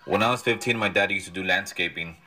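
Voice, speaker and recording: A man with a low but bright, forward voice tells a casual anecdote. He moves briskly and briefly acts out each person in the exchange. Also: slight background noise. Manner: brisk, plays out the dialogue. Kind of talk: casual storytelling.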